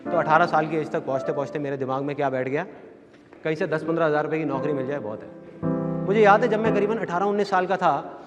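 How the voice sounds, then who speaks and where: A man giving a motivational seminar talk, animated storytelling that acts out family members' voices, before a live audience. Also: a little high, fast talker, lo-fi sound. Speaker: motivational speaker. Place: large hall with a live audience. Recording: echoey hall with background music.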